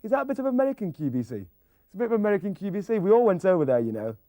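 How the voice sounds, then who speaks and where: A high, very lively male voice on a live shopping show, teasing his crew and joking between sales pitches. The sound is dry and close, with no room around it. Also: racing, dry recording. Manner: playful, teasing, mimics voices. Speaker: shopping channel presenter. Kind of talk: jokey live sales patter. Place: TV studio.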